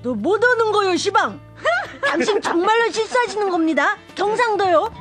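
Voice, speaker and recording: A woman's voice: very high voice, expressive, moderate pace. A giggly little boy. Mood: playful. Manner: giggly, mimics regional accents. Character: playful young schoolboy showing off dialect impressions. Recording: radio skit over background music.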